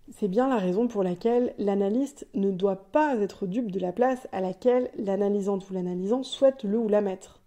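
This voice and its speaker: A woman's voice: medium pitch, dark tone. A woman hosting a podcast, delivering a scripted, explanatory solo monologue with light asides. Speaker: podcast host.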